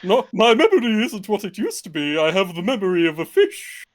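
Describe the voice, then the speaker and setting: A woman's voice: mid-range voice, big pitch swings, brisk, darkish tone, pitched below the performer's own voice, lightly acted. A woman voicing a hapless, forgetful koi fish in a tabletop game, exclaiming and wailing melodramatically. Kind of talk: tabletop role-play.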